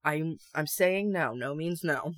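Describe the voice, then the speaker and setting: A woman voicing an exasperated young woman turning down her boyfriend in a flat tone. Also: low voice, unhurried, dry recording, clean studio sound.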